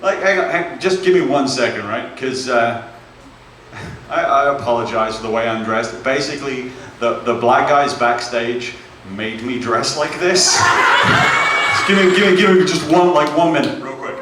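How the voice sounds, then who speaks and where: A man's voice: mid-range voice, moderate pace, heavy reverb, recorded from a distance, background noise. A man from South London with a South London accent doing a chatty, self-deprecating stand-up set in a club. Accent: South London English. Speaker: stand-up comedian. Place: comedy club stage.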